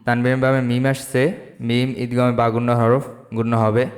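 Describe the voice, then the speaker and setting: A man teaching Quran reading, spelling out each letter and vowel mark syllable by syllable and then chanting the verses slowly in melodic recitation. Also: mid-range voice, flat delivery. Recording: long hall reverb with faint music.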